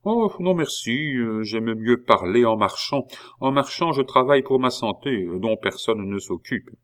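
A man voicing a calm, ironic king in an audiobook reading, humming and drawling before his lines. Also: mid-range voice, measured pace, natural voice. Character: King Louis XVI, calm, dry, ironic middle-aged man.

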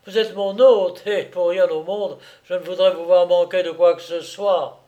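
A man reading aloud and voicing a jovial, smooth-talking gentleman thief with mocking politeness. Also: high-pitched, fairly even intonation, normal speed, lo-fi sound, voice pushed up, lightly acted.

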